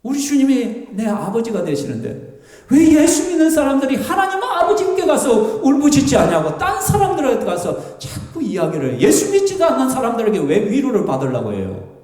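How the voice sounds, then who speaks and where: High-pitched, animated pastor in an echoey church. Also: male voice, fairly quick. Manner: animated preaching, acts out tearful prayers and complaints. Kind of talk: sermon. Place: church sanctuary. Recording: echoey church hall, voice from far off the mic.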